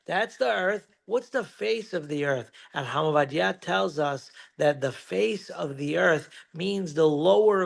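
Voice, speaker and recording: Gravelly high-voiced rabbi teaching. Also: male voice. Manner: conversational, with asides and rhetorical questions. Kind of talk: informal Torah lesson.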